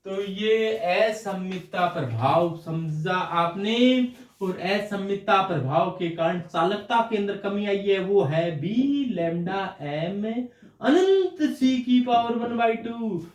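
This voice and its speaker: A man's voice: sits high, slow pace, distant mic. Man, chemistry teacher, asks and answers his own questions, roomy echo, away from mic. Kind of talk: classroom lecture.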